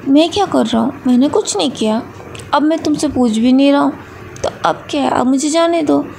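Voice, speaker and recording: A woman's voice: high voice, brisk, creaky, darkish tone, a little hiss or hum. A woman voicing a coaxing young college guy. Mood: sulky. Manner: pleading, then sulky and coaxing. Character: teasing young male college student.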